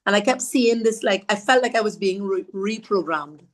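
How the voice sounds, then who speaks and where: A woman tells her story as a podcast guest, speaking at a middling pitch. She is earnest and pauses often, and she brings others' words to life as she recounts them. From Trinidad and Tobago. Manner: halting, with fillers and restarts. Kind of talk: conversational personal storytelling.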